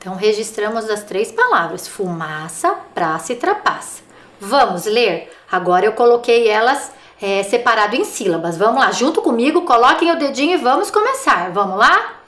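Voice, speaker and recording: A woman teaching young children in a recorded remote class, encouraging and speaking slowly and clearly. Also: on the high side, expressive, fairly bright tone, reverberant. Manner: encouraging, sing-song, slow and clear for children. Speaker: primary school teacher.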